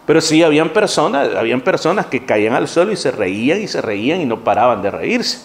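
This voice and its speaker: A man's voice: on the high side, fairly quick. A man who is a pastor, giving a sermon-style Bible study to his congregation, addressing them as brethren and acting out scenes as he speaks. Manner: animated preaching, acts out scenes.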